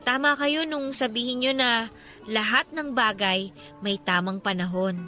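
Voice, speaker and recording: Here a woman with a Filipino accent plays a 28-year-old daughter in a Filipino radio drama, someone cheerful, devout and fond of teasing. She sounds slightly high and unhurried, bright and forceful, her manner playful, respectful and earnest, the mood earnest and upbeat. Music sits softly underneath.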